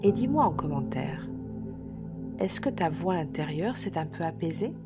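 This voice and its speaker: A woman sophrologist leading a guided relaxation session, speaking softly and soothingly, sometimes dropping to a whisper. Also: low voice, expressive. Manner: soft, slow, soothing guidance, drops to a whisper at times. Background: soft background music.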